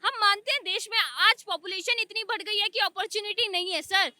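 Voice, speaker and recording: A woman speaking as a panel guest in a heated political debate, forceful and lecturing, firing off rhetorical questions. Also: very high-pitched, brisk, dry recording.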